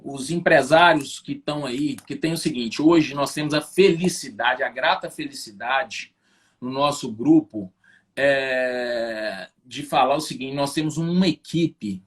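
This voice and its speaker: A man with a Brazilian accent, a business owner telling a lively anecdote as a guest in a live-streamed interview. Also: medium pitch, a little slow. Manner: animated, lively anecdotal storytelling.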